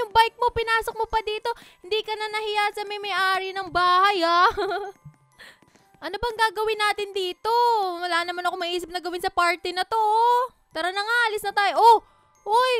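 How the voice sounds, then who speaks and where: A woman's voice: very high-pitched, pushed and bright, no echo. A Filipina woman with a Filipino accent, chatting playfully and teasing while roleplaying in a game, laughing often. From Philippines. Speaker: Roblox roleplay creator.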